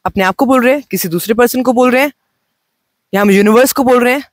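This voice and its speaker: A woman life coach gives a gentle, slow self-help talk, mixing Hindi and English. She is unwell and says her voice sounds off. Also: a little high, no room sound. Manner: mixes Hindi and English, speaks slowly and gently. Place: outdoors on location.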